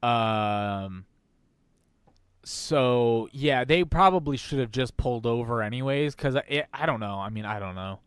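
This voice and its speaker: Man, casual podcast co-host, hedging and slangy, mid pitch, smooth tone. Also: animated, measured pace, no room sound. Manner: laid-back, hedging, slangy. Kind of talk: casual chat.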